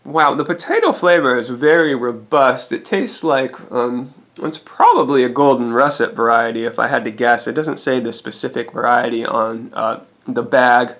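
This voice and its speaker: Man with creaky voice, rambling food review. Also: mid-range voice, normal speed, a bit bright. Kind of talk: casual product review.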